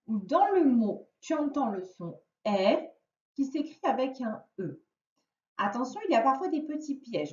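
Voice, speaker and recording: A woman teacher giving a recorded phonics lesson to young children, sounding out each word slowly and clearly. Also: fairly high pitch, far from the mic. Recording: dull, roomy audio with the speaker off-mic.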